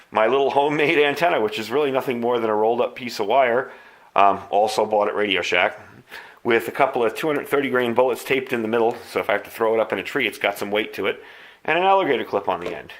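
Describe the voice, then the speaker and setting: A man with an American accent, a radio hobbyist reviewing gear, gives a casual, hands-on product demonstration and talks through each step as he goes. His mid-range voice is fairly bright, with a quick pace.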